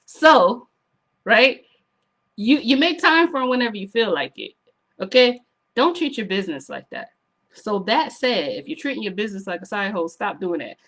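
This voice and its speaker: A slightly hoarse woman gives sassy, animated motivational business advice straight to her viewers, often asking them to drop a comment. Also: mid-range voice, normal speed. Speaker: online business coach. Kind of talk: motivational vlog talk to camera.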